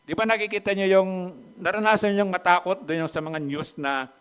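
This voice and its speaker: A middle-aged man from the Philippines preaching a sermon. He often asks the congregation questions, and his voice swings between loud, emphatic bursts and quiet asides. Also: high-pitched, a little fast, clean tone. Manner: mixes Tagalog with English phrases, asks the congregation questions. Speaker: pastor.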